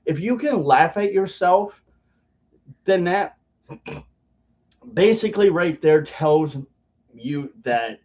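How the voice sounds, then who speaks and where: Slow, halting man talking around chewing tobacco. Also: sits high, expressive, a little mellow. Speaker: video blogger. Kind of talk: casual rambling vlog talk to viewers.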